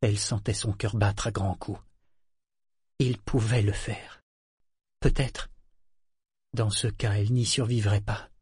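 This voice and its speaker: A man narrating an audiobook novel in a measured, even storytelling manner. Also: on the low side, slightly rough, no echo, studio quality. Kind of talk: scripted narration.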